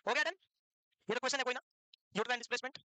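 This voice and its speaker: A man's voice: extremely high pitch, racing, pushed and bright, no echo. A man lecturing a nursing class live, teasing students and firing questions at them.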